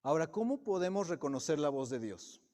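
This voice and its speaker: A man delivers a sermon to his congregation in a fairly high but mellow voice. He keeps turning to the people with direct questions. The church hall adds a long, ringing reverb behind his words. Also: big pitch swings, brisk. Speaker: preacher. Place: church sanctuary.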